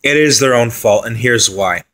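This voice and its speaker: Speaking at a moderate pace with a fairly bright tone, this medium-pitched man talks through a football side's preview on his own. His pundit style is relaxed and chatty, full of filler words and little tangents.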